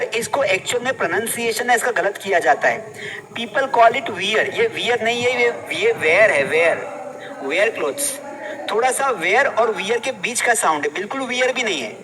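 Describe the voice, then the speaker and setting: A man's voice: high-pitched, poor audio. A man teaching English phrases in a casual classroom style, quizzing his listeners with repeated questions.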